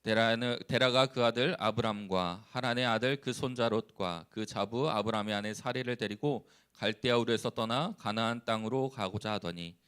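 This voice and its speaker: A man who is a church evangelist, leading a responsive scripture reading and then preaching calmly with frequent hesitations. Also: mid-range voice, smooth. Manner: calm, unhurried, with frequent hesitations.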